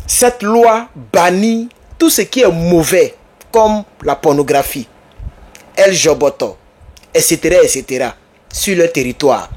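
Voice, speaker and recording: A man from Côte d'Ivoire with an Ivorian French accent, telling a story and giving advice straight to his viewers. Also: sits high. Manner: animated storytelling, addresses viewers directly. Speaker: vlogger. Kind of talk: casual monologue to camera.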